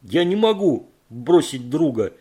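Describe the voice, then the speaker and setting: Man doing a shrill, hoarse, panicked junkyard owner. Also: big pitch swings, unhurried, dark tone, exaggerated voice. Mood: broken, hoarse.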